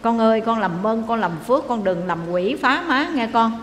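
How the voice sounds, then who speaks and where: A woman voicing an elderly, aggrieved mother-in-law who pleads softly with her daughter-in-law. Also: on the high side, lively intonation, moderate pace, close to an everyday voice. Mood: pleading. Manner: pleading, coaxing. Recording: echoey hall, faint ambience.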